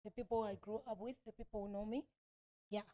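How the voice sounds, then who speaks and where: A woman in her thirties, born in South Africa and raised in Malawi, speaks with a Southern African accent as a podcast guest telling her own story. Her mid-range voice is warm but flat in delivery and quick, and she repeats phrases for emphasis.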